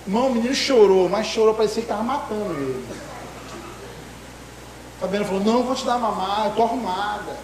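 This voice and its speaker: A man preaching a sermon in an emotive way, swinging between loud outbursts and hushed asides. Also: high voice, fairly quick, long pauses, echoey room, noisy background.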